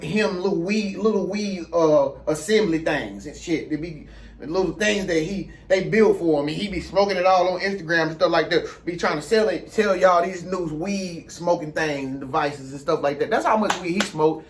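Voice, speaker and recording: Higher-pitched American man rambling in street slang. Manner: street-slang talk with repeated check-in phrases. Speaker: vlog host giving informal advice. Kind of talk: casual rambling monologue.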